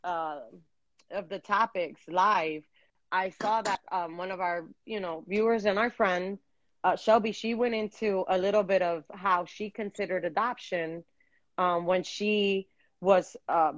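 A low-voiced woman co-hosting a chat show from her end of a video call. She talks earnestly and rambles, circling back on herself with plenty of "um"s. The sound is dry and a little dull, like lo-fi call audio. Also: unhurried, no echo. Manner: earnest, rambling with many fillers and restarts. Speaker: podcast co-host.

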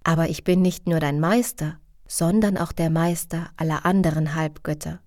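A woman reading a calm, all-powerful supreme god. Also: low voice, moderate pace, dry recording, clean studio sound, lightly acted. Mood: calm authority. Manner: calm, authoritative instruction. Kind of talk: audiobook reading.

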